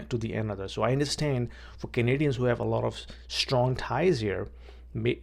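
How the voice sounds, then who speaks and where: Speaking casually to camera outside, a vlogger and realtor from Pakistan keeps his talk plain, repeating words and frequently saying "okay" to check in. His voice sits at a medium pitch, creaky and a little mellow.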